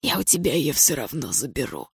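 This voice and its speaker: A woman's voice: low-pitched, moderate pace, gravelly, dry recording, clean studio sound. A woman voicing a pushy, jealous young man who speaks coldly and insistently. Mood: menacing. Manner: cold and insistent.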